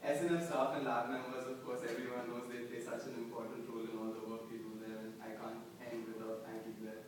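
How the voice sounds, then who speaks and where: A man's voice: medium pitch, monotone, quick pace. Young man presenting in a very echoey room. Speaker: PhD candidate presenting a thesis defense. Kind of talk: technical question-and-answer explanation. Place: indoor lecture room. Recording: very echoey room, distant mic, clear noise.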